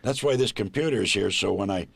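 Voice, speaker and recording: A man who is a volunteer reader, chatting easily in an interview and often pausing to find his words. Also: lowish voice, creaky, husky, no room sound. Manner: easygoing, halting with many pauses. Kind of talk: casual interview chat. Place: small recording booth.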